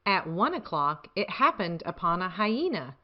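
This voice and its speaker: A woman's voice: lowish voice, big pitch swings, moderate pace, echoey room, lo-fi sound. A woman hosting a children's storytime, reading aloud expressively and chatting enthusiastically with young listeners. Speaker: children's storytime host and reader.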